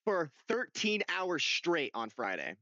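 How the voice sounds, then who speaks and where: A young man in casual podcast chat, telling a game story with excitement and frequent swearing. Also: a little high, slow, dry recording. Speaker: podcast co-host. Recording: dull lo-fi dry sound.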